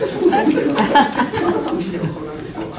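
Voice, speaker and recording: A man giving a speech-coaching seminar to a live audience on a handheld microphone, animated and laughing often as he swings between loud and soft delivery. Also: sits high, rapid-fire, very echoey, distant mic, heavy background noise. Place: large hall with a microphone.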